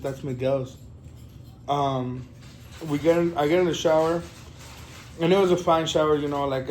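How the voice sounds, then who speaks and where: A young man telling a story in a casual vlog, animated and profane, full of fillers. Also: medium pitch, slight background noise, rough recording. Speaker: vlogger.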